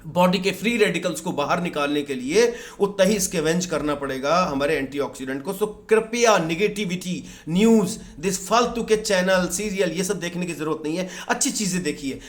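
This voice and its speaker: Calm man giving wellness advice. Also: sits high, moderate pace, hardly any pauses. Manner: calm advice mixing Hindi and English, addresses viewers as friends. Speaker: wellness presenter. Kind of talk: informal health talk to camera.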